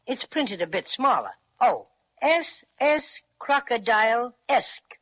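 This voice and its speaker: Cheerful toy bear, husky and lively, blunt one-liners, scratchy 1930s radio sound. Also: female voice, a little high, slow, exaggerated voice. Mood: folksy. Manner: plainspoken, gruff little quips. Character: small cheerful male stuffed teddy bear, folksy. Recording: dull lo-fi 1930s radio recording.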